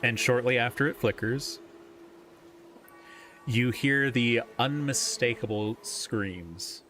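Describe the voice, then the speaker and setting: A man's voice: medium pitch, slow, sharp tone, soft background music. A man narrating as dungeon master in a live tabletop game, loose and often laughing.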